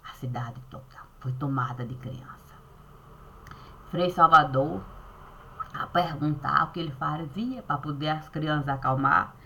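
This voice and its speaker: A woman telling a personal story in a playful, animated way, acting out the dialogue. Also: deep voice, unhurried, slight background noise.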